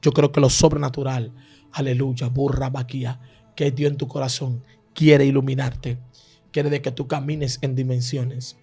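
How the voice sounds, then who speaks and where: A man preaching a fervent sermon, swelling loud and then dropping to a hushed, prayerful tone, slipping into tongues between phrases. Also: mid-range voice, little pitch movement, moderate pace, breathy edge, faint music behind.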